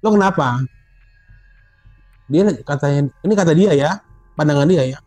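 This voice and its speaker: A man casually telling a true story from a mountain hike, growing animated and high as it gets tense. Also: a little fast, no echo, faint music behind. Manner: animated, rising pitch when excited, Jakarta slang. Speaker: storyteller guest.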